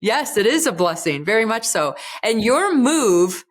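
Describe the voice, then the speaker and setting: A woman's voice: fairly high pitch, big pitch swings, measured pace. A woman hosting a podcast interview, upbeat and enthusiastic in casual chat. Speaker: podcast host.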